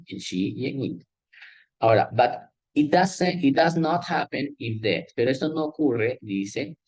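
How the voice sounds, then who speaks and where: Slow, patient man teaching. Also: medium pitch, no room sound, poor audio. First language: Spanish. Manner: explains step by step, checks in with "¿ya?" and "¿sí?"; switches between Spanish and English. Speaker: English teacher. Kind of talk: classroom grammar lesson.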